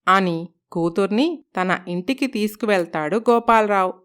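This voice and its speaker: A woman narrating a cartoon moral story in a steady, scripted storytelling manner. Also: mid-range voice, normal speed, clear, resonant tone.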